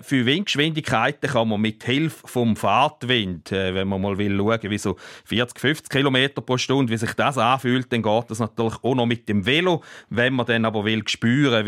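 A man with a Swiss accent speaks in a calm, explanatory way as a meteorologist on a radio show. His voice sits at a medium pitch, and he often stops briefly with hesitations as he goes through the details.

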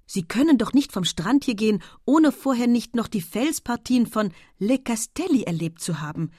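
A woman's voice: on the high side, animated, moderate pace, a little mellow, breathy edge, no room sound, studio quality, pitched above the performer's own voice. A woman reading aloud, voicing an ardent young man who talks eagerly and persuasively in a storybook.

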